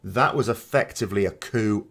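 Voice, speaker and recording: A man narrating a video of game lore commentary, explaining things in a measured, emphatic way. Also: lowish voice, fairly bright tone, breathy edge.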